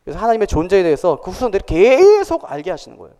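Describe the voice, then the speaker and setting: A man's voice: high-pitched, huge pitch swings, rapid-fire, mellow, long reverb tail. A male pastor preaching a sermon in a church, talking conversationally and asking the congregation questions.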